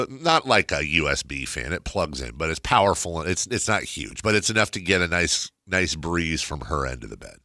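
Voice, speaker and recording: Very deep, nasal male radio host. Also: pushed and bright, no echo, clean studio sound. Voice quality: very nasal, stuffed-nose sound. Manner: rambling, self-deprecating, repeats words. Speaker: radio talk show host. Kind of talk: casual talk radio monologue.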